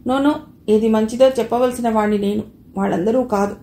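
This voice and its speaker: A woman's voice: on the high side, steady tone, normal speed, warm tone, roomy sound, natural voice. A woman voicing a stern, commanding middle-aged man who heads the household, in an audio novel. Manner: stern and authoritative.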